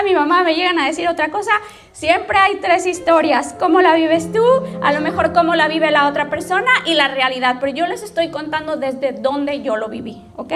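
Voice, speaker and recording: A Mexican woman pastor telling her life story as a testimony, storytelling and often checking in with the audience. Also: very high-pitched. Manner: storytelling, addresses the audience directly with frequent "¿ok?". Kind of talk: personal testimony sermon.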